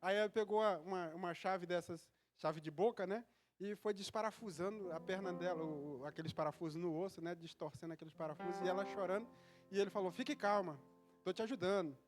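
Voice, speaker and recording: A high-pitched man delivers a sermon into a church microphone, moving from chatty, rambling storytelling to impassioned preaching. Instrumental music plays clearly behind him throughout. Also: fast talker. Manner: conversational storytelling, rising to fervent preaching. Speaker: pastor.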